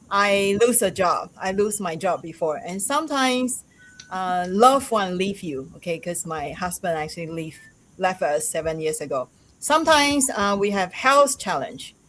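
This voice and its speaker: A woman hosting a casual live-stream chat, laughing often and pausing on fillers. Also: medium pitch, a bit bright, poor audio. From Taiwan. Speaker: host.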